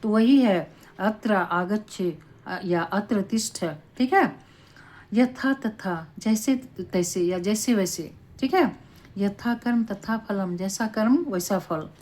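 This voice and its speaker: A woman teaching a Sanskrit class, explaining slowly and deliberately and often checking in with her students. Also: mid-range voice, a little mellow. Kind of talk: classroom lesson.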